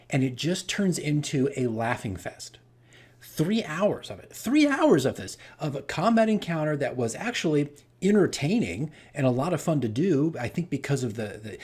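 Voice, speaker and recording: This is a casual storytelling vlog from a host who runs games as a dungeon master. His voice sits at medium pitch with a slightly mellow quality, and he meanders, jokes at his own expense, and repeats phrases for emphasis.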